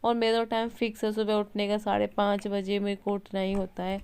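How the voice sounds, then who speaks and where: Chatty woman with a smooth, clear voice. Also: medium pitch, monotone, a little fast, a little mellow. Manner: chatty, rambling, frequent fillers and self-corrections. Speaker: vlogger and mother. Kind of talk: casual home vlog chat. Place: home, indoors at night.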